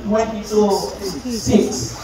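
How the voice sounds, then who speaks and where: A man's voice: high voice, flat delivery, drawn-out words, a crowd in the background. A middle-aged man with a Filipino accent preaching to young people with passion, moving freely between Tagalog and English. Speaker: pastor. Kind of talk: sermon. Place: large hall at a youth camp. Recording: echoey hall from far off, faint hiss.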